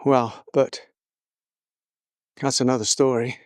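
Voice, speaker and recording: A man walking through the hills outdoors, a little out of breath, reflecting slowly with many pauses as a spiritual teacher. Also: mid-range voice, flat delivery, a little mellow, no room sound, studio quality. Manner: slow, reflective, pausing often. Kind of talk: walk-and-talk reflection.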